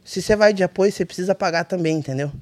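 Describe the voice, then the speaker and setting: A man's voice: high-pitched, very fast. A man with a Brazilian accent, a rally navigator guest telling a story in casual, colloquial talk and acting out the dialogue. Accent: Brazilian Portuguese. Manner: animated, colloquial, acts out dialogue in his story.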